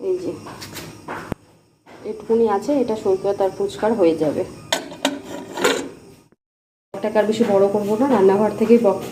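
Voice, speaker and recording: A young woman talking casually to her viewers from her home as she goes about her day, chatty and homely, speaking straight to the audience. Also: medium pitch. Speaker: home vlogger, young mother. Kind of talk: casual vlog narration. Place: at home, kitchen. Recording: echoey room with clear household noise.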